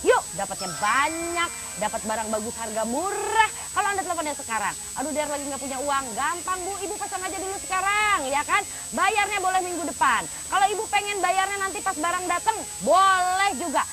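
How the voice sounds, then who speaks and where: A woman presenting a live home shopping sales pitch in an urgent, insistent, chatty manner, repeating her selling points. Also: expressive, a little fast, heavy background noise.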